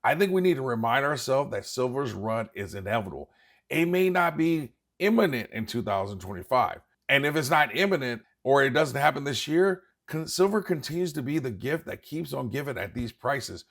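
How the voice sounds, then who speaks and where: A man hosts an investing channel, delivering scripted commentary straight to camera in an emphatic, urging way and repeating points for stress. His mid-range voice is expressive and fairly bright, at a moderate pace.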